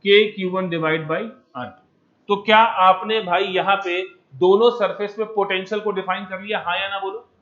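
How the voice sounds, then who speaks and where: A man teaching physics in an empty classroom, energetic and coaxing, mixing English terms into Hindi and pressing students to answer. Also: high-pitched, moderate pace, muffled recording.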